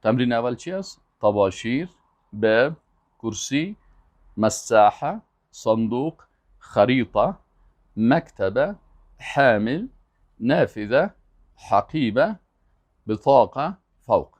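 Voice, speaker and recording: A man teaching Arabic, repeating each word slowly and emphatically, then adding quick explanations. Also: medium pitch, lively intonation, a little mellow. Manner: slow, emphatic word-by-word repetition with quick asides. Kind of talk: language lesson, drilling vocabulary.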